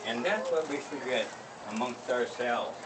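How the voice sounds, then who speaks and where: Older man, elder telling a story, emphatic storyteller delivery, medium pitch, distant mic, clearly noisy surroundings. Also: expressive, measured pace. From Northern California. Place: living history school gathering, plank house.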